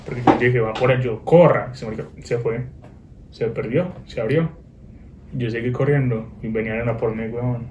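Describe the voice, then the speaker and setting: A young man, telling an animated story in casual chat, full of slang. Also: moderate pace, roomy sound. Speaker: guest. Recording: noisy low-quality recording.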